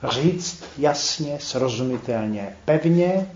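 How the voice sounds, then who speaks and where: Guy leading a bible study in a room, higher voice, thinks out loud, asks the group stuff, echoey and a bit dull. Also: lively intonation, a little hiss or hum. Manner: reflective, pauses to question the group. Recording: roomy, dull recording with faint clicks.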